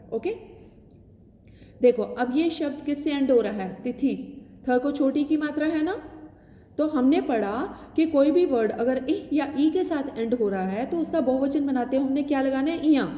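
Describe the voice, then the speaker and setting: A young woman teaching a class, explaining patiently and slowly, asking questions and answering them herself. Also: high voice, mellow. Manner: slow and explaining, repeats key words. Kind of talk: classroom grammar lesson. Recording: echoey room with long reverb.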